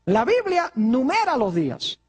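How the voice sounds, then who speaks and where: A man's voice: very high voice, huge pitch swings, measured pace, husky. A male pastor preaching a sermon, asking his congregation rhetorical questions.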